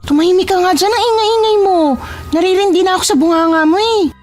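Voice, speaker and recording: Woman putting on a shrill bratty flirt. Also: quick pace, darkish tone, soft background music. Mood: scornful. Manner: shrill, mocking, vain. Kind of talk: dramatized storytelling.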